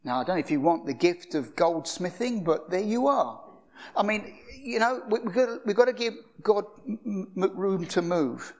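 A man's voice: sits high, lively intonation, normal speed. An older man giving a sermon as a guest preacher, telling stories in a conversational way with frequent restarts. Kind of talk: anecdotal sermon.

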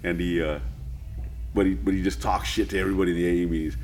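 A man's voice: sits low, fairly even intonation, fast, darkish tone. A man co-hosting a podcast in casual chat, laid-back, swearing a lot and saying dude and bro. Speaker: podcast co-host.

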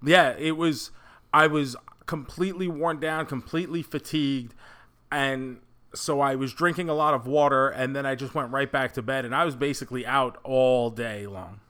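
A man's voice: medium pitch, steady tone, moderate pace, pushed and bright. A man hosting a podcast in a casual, chatty style. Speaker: podcast host.

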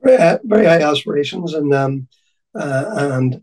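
A man with a Donegal Irish accent reminiscing in conversation, haltingly and often repeating his words. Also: fairly high pitch, expressive, a little mellow, recorded from a distance. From County Donegal, Ireland.

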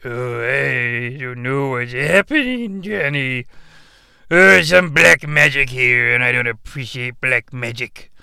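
A man's voice: mid-range voice, takes it slowly, creaky, sharp tone, clear, resonant tone, no echo, full character voice. A man voicing a bumbling, rambling old ex-wrestler who gets easily flustered and confused by technology, in an improvised comedy bit. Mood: bewildered.

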